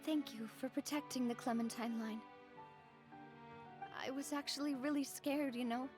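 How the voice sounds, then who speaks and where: A woman's voice: sits high, fairly even intonation, normal speed, lightly acted. A woman playing a kind, vulnerable young leader in an anime game, heartfelt and refined in manner. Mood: wistful, heartfelt. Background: music.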